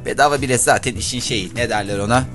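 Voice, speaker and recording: A man's voice: medium pitch, fast, fairly bright tone, soft background music. A man hosting a morning radio show, bantering playfully with a co-host and reciting mock-grandiose slogans in a theatrical manner.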